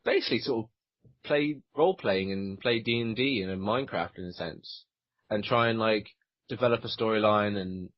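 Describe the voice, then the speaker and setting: A man's voice: on the low side, normal speed, no room sound. A man co-hosting a gaming podcast, talking casually with many fillers and restarts. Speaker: podcast co-host. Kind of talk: casual chat. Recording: dull lo-fi voice recording.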